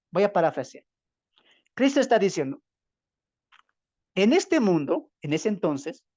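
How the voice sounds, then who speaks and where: A man's voice: high voice, a little mellow. A man from Bolivia gives an emphatic, preaching-style Bible lesson over a video call. He keeps firing rhetorical questions at his listeners and answers them himself. The audio is dull and lo-fi, with a dry sound and no room echo. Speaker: Bible teacher.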